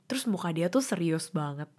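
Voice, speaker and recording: A woman's voice: on the low side, expressive, a little fast, a little mellow. A young woman podcast host, telling a personal story, tearful at times and mixing in English phrases.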